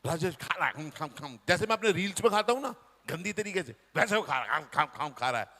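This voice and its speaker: A man telling a comic story live on stage, animated and teasing the people in front of him. His voice sits high and bright for a man, and a long reverb of the hall trails behind him. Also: fast talker. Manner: animated, addresses and teases the audience. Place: community hall before an audience.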